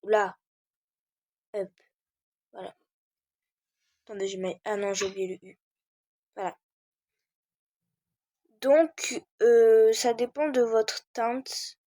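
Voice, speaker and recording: A teenage girl talks through a game tutorial at her computer, slow and full of hesitant fillers. Her voice sits a little high but sounds mellow and soft. The recording is dry and close, with no room sound. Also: steady tone, no echo. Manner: hesitant, many "euh" fillers, talks while searching. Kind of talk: casual screen-recorded tutorial.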